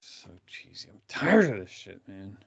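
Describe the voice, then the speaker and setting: A man's voice: fairly low pitch, very animated, unhurried, vocal fry, slightly rough. A laid-back man chatting casually on a podcast as a guest, talking in an easy drawl. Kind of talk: casual chat. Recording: dull, dry lo-fi sound.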